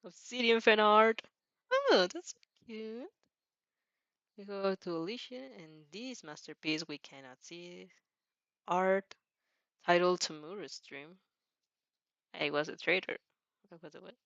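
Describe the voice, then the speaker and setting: A giggly woman reads fan fiction dramatically and expressively, breaking off to toss in casual comments and reactions. Her voice is medium-pitched, with no echo and the highs cut off.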